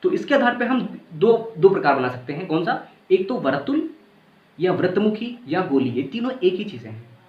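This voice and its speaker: A man's voice: high-pitched, big pitch swings, moderate pace. A male teacher giving a casual grammar lesson, sounding out vowels aloud and checking that the class follows. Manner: casual, repeats points, checks understanding. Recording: echoey room, dull lo-fi sound.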